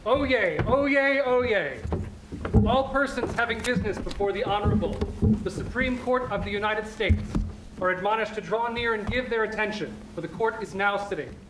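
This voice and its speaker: A man's voice: high voice, moderate pace. A man crying a court into session in a formal, ceremonial town-crier manner. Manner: town-crier style proclaiming. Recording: echoey room, clearly noisy, distant-sounding.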